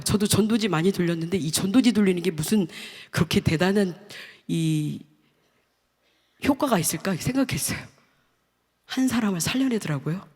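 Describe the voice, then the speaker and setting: A middle-aged woman giving a heartfelt testimony at a church, speaking earnestly in short listed phrases that sometimes fall to a hush. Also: lowish voice, husky, big-room sound. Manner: earnest, stacks short listed phrases, drops to hushed tones. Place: church hall.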